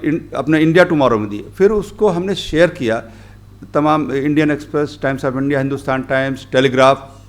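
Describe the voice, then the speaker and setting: A middle-aged man giving a workshop talk as a journalist, rambling through his points with many pauses and English phrases mixed in. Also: medium pitch. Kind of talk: workshop lecture. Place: conference hall.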